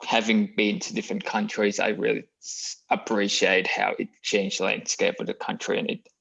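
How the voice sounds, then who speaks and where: A man's voice: lowish voice, level tone, normal speed, creaky, a bit bright, husky, dull audio. A young man from Vietnam with a Vietnamese accent, an MBA applicant answering questions hesitantly with many fillers. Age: young adult.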